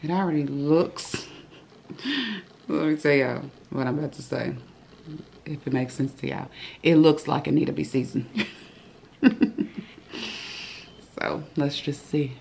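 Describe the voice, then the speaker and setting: With a deep, steady, mellow voice that's a little slow and creaky, a woman in her thirties pauses often as she eats. She's a vlogger chatting casually with viewers she calls "y'all," indoors in her home living room, with slight background noise.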